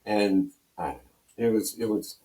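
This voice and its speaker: An older American man from Pennsylvania, a radio program director and on-air personality, reminisces as an interview guest, telling anecdotes in a casual, rambling way. His lowish voice is mellow at a normal speed, and the recording has a roomy, echoing sound.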